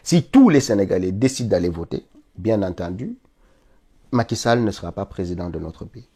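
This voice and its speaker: His voice sits low, mellow and husky, expressive at a moderate pace. He's a Senegalese political commentator streaming live with a stuffy cold, his insistent monologue climbing toward indignant peaks.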